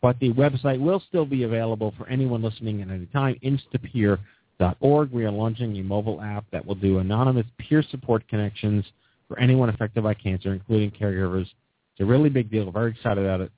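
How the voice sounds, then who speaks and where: A man's voice: fairly low pitch, fast, dry recording. A man in his forties hosting a radio talk show, chatty and enthusiastic, rambling with many fillers and restarts. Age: 40s. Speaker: host. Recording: dry, tinny phone-like line.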